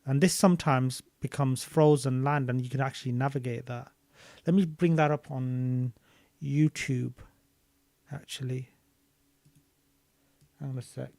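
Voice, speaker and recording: A man casually reading a book aloud and commenting on it, thinking out loud as he looks things up. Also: mid-range voice, fairly even intonation, unhurried, gravelly, no room sound, clean studio sound. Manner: thinking aloud while searching maps and videos, loose and chatty.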